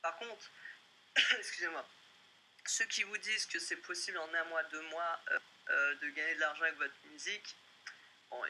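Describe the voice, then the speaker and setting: A woman's voice: on the low side, sharp tone, a little hiss or hum, poor audio. A woman presenting a webinar as a music business coach, talking directly and conversationally to her listeners.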